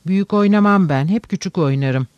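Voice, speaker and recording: A man voicing a timid, giggling old male hanger-on who mumbles slowly and sheepishly. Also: high-pitched, darkish tone, dry recording, dull audio, lightly acted.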